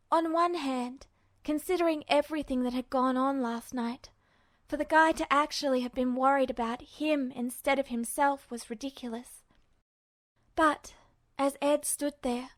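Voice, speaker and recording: Reading a scripted story aloud for listeners, this woman podfic narrator has a high voice. The recording is very dry, with no room sound at all.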